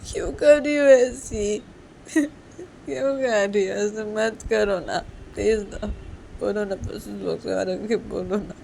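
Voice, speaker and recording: A woman voicing a young woman in a spoken love story, tearful and pleading, who keeps apologizing softly. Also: mid-range voice, fairly quick, a little hiss or hum, pitched above the performer's own voice, lightly acted. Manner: soft pleading, repeats sorry. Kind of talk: storytelling role-play.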